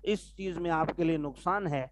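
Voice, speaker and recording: A man's voice: on the high side, dry recording. Man teaching an online Arabic lesson. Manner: explains words patiently, asks students if they follow.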